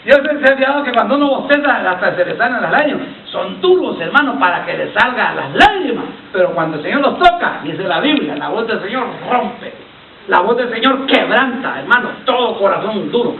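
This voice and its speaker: A man delivers a sermon, calling out for the congregation to repeat after him. His voice sits unusually high. The recording is echoey, distant and thin, like a phone line, with faint hiss. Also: big pitch swings, a little fast, a crowd in the background. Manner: preachy, calls on the congregation to repeat lines; keeps addressing listeners as brother. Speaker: pastor. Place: church hall. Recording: echoey far-off church recording over a lo-fi line.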